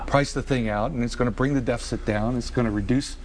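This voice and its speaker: A man's voice: mid-range voice, steady tone, fast talker, over a noisy crowd. A man debating politics as a panel guest, arguing his case and repeating words. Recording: clear background noise.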